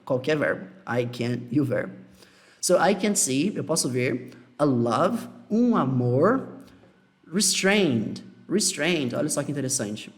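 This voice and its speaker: A man's voice: medium pitch, very animated, measured pace. A Brazilian man giving a casual English lesson, explaining phrases patiently and repeating them. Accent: Brazilian Portuguese. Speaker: English teacher.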